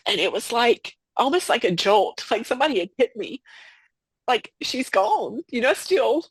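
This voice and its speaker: A woman guest on a podcast, speaking about a personal loss in a halting way, full of fillers and restarts. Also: on the high side, very animated, slightly rough, no room sound. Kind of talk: emotional personal conversation.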